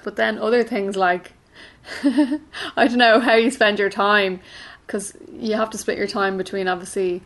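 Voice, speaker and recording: A woman's voice: mid-range voice, steady tone, measured pace, a bit bright. A woman answering interview questions in a chatty way, correcting herself as she goes.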